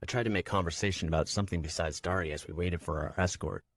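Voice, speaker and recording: Brief: deep male voice reading a fantasy novel in first person, steady and measured, dry close-mic sound. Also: dry recording. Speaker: audiobook narrator. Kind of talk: scripted first-person narration.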